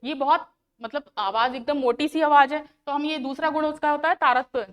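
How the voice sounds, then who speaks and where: A woman's voice: high-pitched, steady tone, moderate pace. A woman science teacher explaining a lesson to schoolchildren in Hindi-accented speech. She asks questions and answers them herself, repeating the key terms. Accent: Hindi, North Indian. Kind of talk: classroom lesson explaining to children.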